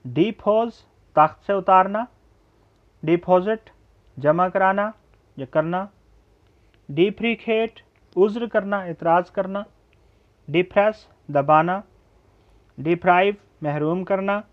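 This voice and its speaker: Teacher, male, high voice, deliberate delivery, drills example sentences; dull lo-fi recording. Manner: repeats model sentences slowly, then explains quickly; mixes Hindi-Urdu explanation with English examples. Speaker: English teacher. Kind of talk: spoken English lesson.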